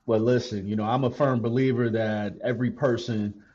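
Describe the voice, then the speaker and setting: A man from Canton, Ohio, hosting a podcast in casual chat, relaxed and repeating words as he starts his sentences. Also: medium pitch, fairly quick, slightly rough, muffled recording. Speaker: podcast host.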